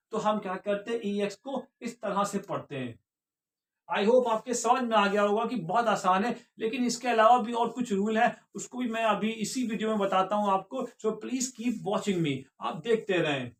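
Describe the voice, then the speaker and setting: A man with an Indian accent teaches pronunciation in a high voice. He keeps asking what the word is, then repeats it slowly. The sound carries a noticeable room echo. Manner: repeats each word slowly after asking the class questions. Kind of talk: classroom-style video lesson.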